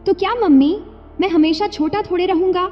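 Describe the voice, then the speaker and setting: A casual young son who answers back with an easy, teasing calm, as a woman acts him out. The voice sits high and bright for a young man. It comes through a dull, lo-fi recording with a long reverb tail. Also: normal speed, soft background music. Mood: startled, teasing. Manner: teasing, unbothered.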